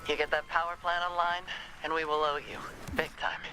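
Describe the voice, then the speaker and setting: A wry game sheriff over a walkie-talkie. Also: male voice, on the high side, level tone, a little fast, a little hiss or hum, poor audio.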